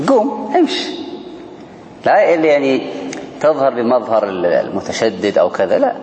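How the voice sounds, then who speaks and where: A man, teaching a religious lesson as a sheikh and lively acting out the people he quotes. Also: brisk. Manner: animated, acts out quoted people with pitch jumps. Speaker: sheikh teaching a book on worship. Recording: echoey hall with faint ambient noise.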